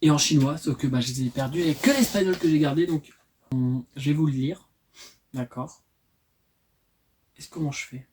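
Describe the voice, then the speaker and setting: A man in his twenties hosting his channel, reading his own poems aloud and adding candid, self-mocking asides in a soft, unhurried way. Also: on the high side, a little hiss or hum. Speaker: channel host.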